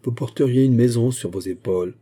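A man reading the part of a clever musketeer who has become a bishop, reasoning calmly and reassuring his friend. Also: medium pitch, a little fast, lightly acted. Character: Aramis, sly clever musketeer bishop, coaxing.

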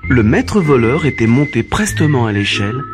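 A man narrating a children's story in an expressive, animated reading. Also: mid-range voice, normal speed. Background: faint background music.

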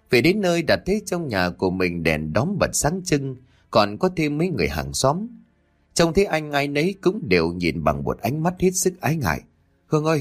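A man narrating a dramatic audio story in a steady reading voice. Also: mid-range voice.

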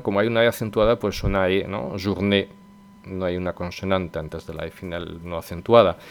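A man gives a pronunciation lesson in a fairly low voice. He explains patiently and slows down to repeat example words clearly. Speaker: French teacher.

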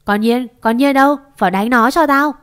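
A woman voicing a bossy, shrill old mother-in-law who scolds and shrieks in an audio story. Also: lively intonation, brisk, lightly acted. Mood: furious.

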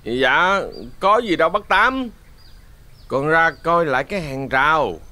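Brief: man as shy young lad, hesitant, slow, a bit high. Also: animated, pushed and bright, heavily acted. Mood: nervous. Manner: hesitant, stammering. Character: timid young village man, nervous and polite.

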